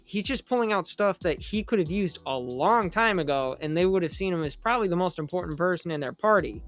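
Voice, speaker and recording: A young man talking casually in a review vlog, rambling with animated asides and quick jokes. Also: a little high. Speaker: manga reviewer. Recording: faint music underneath.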